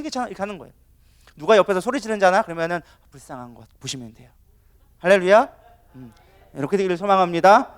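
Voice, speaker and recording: A male pastor delivers a sermon with a high, quick voice. He talks animatedly, acting out quoted prayers and animal sounds, and laughs at his own jokes.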